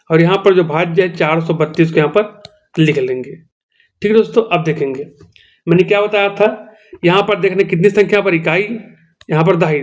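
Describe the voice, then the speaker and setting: High-voiced man teaching a maths lesson. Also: a little mellow. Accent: Chhattisgarhi-tinged Hindi. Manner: explains step by step, repeats "theek hai doston".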